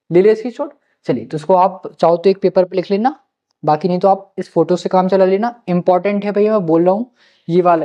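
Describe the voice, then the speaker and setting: A man's voice: sits high, warm tone. A male teacher giving study-planning advice to students, coaxing them and repeating his key points. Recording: slightly muffled lo-fi recording.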